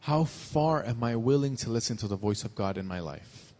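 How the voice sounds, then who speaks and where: A man's voice: medium pitch, lively intonation, measured pace, mellow. A man interpreting a sermon live, phrase by phrase, with occasional restarts.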